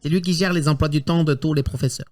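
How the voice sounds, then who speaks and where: A man's voice: a little high, steady tone, fast talker, darkish tone, dry recording. A young man narrating as game master in a casual, joking way. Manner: casual, joking, switches between narration and voicing characters.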